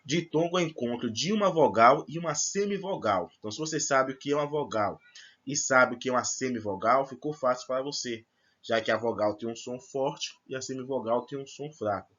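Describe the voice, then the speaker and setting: A man's voice: mid-range voice, a little fast, fairly bright tone, muffled recording. A man teaching a grammar lesson to first-year students, explaining step by step and checking in with his class. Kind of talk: recorded remote class lesson.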